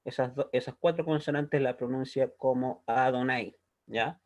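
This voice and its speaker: A man's voice: medium pitch, steady tone, moderate pace, dull audio. A man teaching a recorded language lesson, explaining step by step and checking in with a frequent "¿ya?". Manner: patient, checks understanding with a frequent "¿ya?". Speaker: Hebrew teacher.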